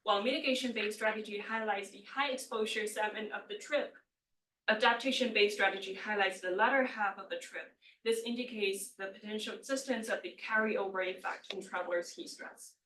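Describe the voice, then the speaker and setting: A woman's voice: medium pitch, brisk, a bit bright, a little hiss or hum. Hesitant young woman presenting, distant and echoey. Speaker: doctoral candidate presenting a thesis defense. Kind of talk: academic presentation. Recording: echoey room, far from the mic.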